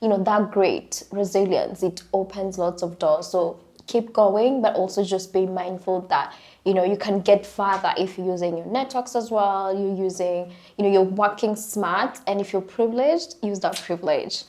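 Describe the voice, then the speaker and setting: A woman in her thirties, a company founder and CEO, talking in an animated, emphatic way on a podcast panel. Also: mid-range voice, normal speed. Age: 30s. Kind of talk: casual podcast discussion.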